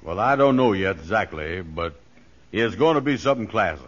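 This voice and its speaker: A self-important, good-hearted bumbler in a 1940s radio comedy. His low voice is folksy and pompous. The recording is dull and lo-fi. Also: animated, brisk. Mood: pondering. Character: pompous, dim, good-hearted male schemer.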